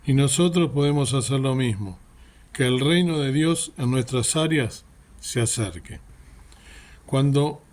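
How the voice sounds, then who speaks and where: A man's voice: medium pitch, unhurried, darkish tone. A man giving an earnest sermon reflection, often asking rhetorical questions. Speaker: preacher.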